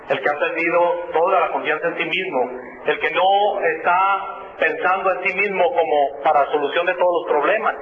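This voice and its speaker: A man preaches a sermon in a high voice, earnest and repetitive, calling his listeners brothers. The sound is thin and phone-like, with a roomy echo and a clear hiss behind him. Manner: earnest, repeats key phrases, addresses listeners as brothers. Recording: echoey tinny phone-like radio broadcast with noise.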